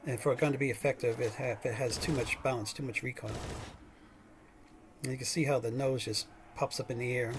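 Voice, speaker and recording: A man's voice: mid-range voice, noisy background. A man hosting a gaming channel, giving casual, rambling gameplay commentary full of fillers and restarts.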